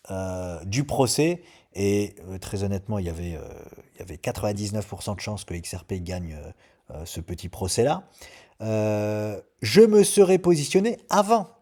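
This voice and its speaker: Emphatic man with a mellow voice. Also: medium pitch. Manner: emphatic, loose and chatty, repeats his point. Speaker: trading channel host. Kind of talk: casual chart analysis.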